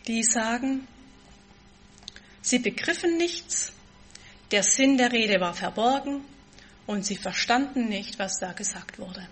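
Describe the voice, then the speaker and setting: Woman, sermon, emphatic, slightly high voice, rises and falls in loudness. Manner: emphatic, rising to stress key words, then dropping soft. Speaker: preacher.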